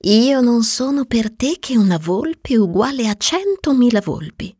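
A woman voicing a gentle, lonely, wistful female fox in a storybook reading, soft and patient, sometimes whispering, on a dry close mic. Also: a little high, big pitch swings, measured pace, husky, dry recording, pitched above the performer's own voice, heavily acted.

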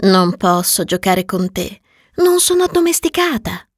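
Woman doing a wistful female fox, storybook, soft, patient, breathy, lively pitch. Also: a little slow, no echo, clean studio sound. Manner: soft, patient, sometimes whispering. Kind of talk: storybook reading.

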